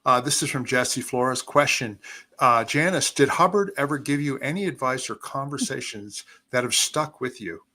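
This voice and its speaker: A man's voice: medium pitch, moderate pace, sharp tone. A man hosting a live-stream chat, reading out viewer questions and responding conversationally. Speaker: host.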